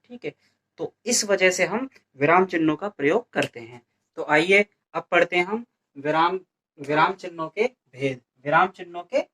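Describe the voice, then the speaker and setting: High and a little bright, this Indian man's voice leads a Hindi grammar lesson for an exam coaching class. He repeatedly asks and answers his own questions, adding "ठीक है" (okay) throughout.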